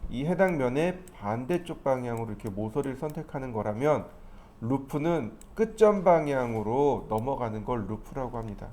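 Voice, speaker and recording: A man teaching a 3D modeling class, explaining each step as he clicks through the software. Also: medium pitch. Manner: step-by-step explaining, thinking aloud while clicking. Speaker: 3D modeling instructor. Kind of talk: screen-recorded software tutorial.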